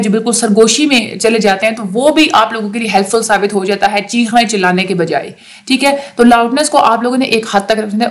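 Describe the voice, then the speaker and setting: A woman giving a fast exam-prep lecture, often stopping on fillers and restarting phrases. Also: medium pitch. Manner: fast talker with many fillers.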